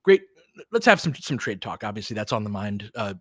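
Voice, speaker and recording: Very animated and a little fast, this lowish male voice comes through a dry recording with clean studio sound. He's hosting a live basketball play-by-play and discussion stream, casually analysing the action and answering chat. He thinks out loud, asks rhetorical questions and drives points home with check-ins like "right?".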